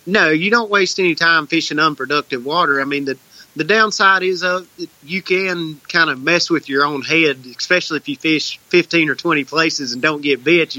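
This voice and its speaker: A man's voice: on the high side, sharp tone, no room sound, dull audio. A man chatting casually about fishing as an interview guest. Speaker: guest, tournament bass angler.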